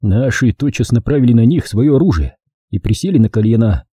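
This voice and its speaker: A man reading an audiobook as scripted narration, with an expressive storytelling delivery and a husky voice. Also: mid-range voice, brisk, no echo, clean studio sound. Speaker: audiobook reader.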